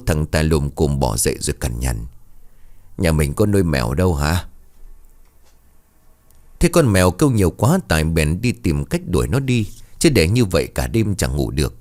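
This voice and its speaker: Deep-voiced man telling a ghost story. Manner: dramatic, animated storytelling.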